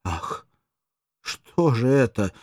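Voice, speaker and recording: A man's voice: medium pitch, steady tone, normal speed, darkish tone, slightly rough, no echo, clean studio sound, pitched above the performer's own voice, lightly acted. A man reading an audiobook, voicing a desperate, grieving young woman who pleads passionately in a strained, raised voice. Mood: frightened.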